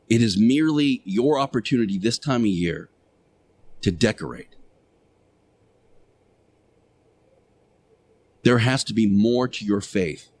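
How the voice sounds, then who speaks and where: A man playing Jesus Christ as an earnest, admonishing radio teacher, delivering a moral monologue with emphatic, deliberate pauses. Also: medium pitch. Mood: stern, exhorting. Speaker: radio show host.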